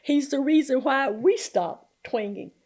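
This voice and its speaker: Older woman, community activist guest, animated storyteller, wide-ranging pitch, folksy asides. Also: measured pace. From southern Virginia, US. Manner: animated storyteller who slips into folksy Southern talk and laughs often. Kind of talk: storytelling in a conversational interview.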